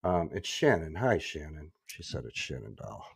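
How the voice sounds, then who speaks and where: A man's voice: a bass voice, very animated, normal speed, vocal fry, husky, dry recording, clean studio sound. A man co-hosting a casual podcast, rambling with fillers and joking at his own expense. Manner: rambling, self-deprecating, many fillers. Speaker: podcast co-host. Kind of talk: casual chat. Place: echoey room.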